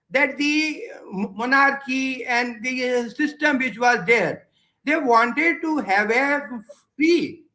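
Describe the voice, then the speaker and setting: High-voiced Indian man giving a slow lecture. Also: bright, forceful tone, poor audio. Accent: Indian English. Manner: slow, repetitive lecturing, circling back to key words. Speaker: guest speaker, senior advocate. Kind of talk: formal webinar lecture. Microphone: video call.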